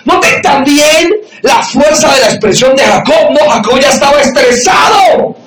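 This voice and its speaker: Male pastor, very high voice, preaches with shouted emphasis; live sermon from a distance with audience sounds. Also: expressive, moderate pace, a crowd in the background. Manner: acts out quoted voices in dialogue. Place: church or meeting hall with audience. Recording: echoey room, mic from afar, audience noise.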